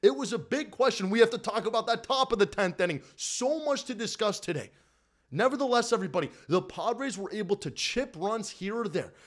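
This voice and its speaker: A young man in his twenties, a sports fan streamer, hosts a postgame recap live from a small room at home, talking into a desk mic in front of his face. His high-pitched, expressive voice is brisk. He's hyped and repetitive, frequently calling out to everyone in the chat.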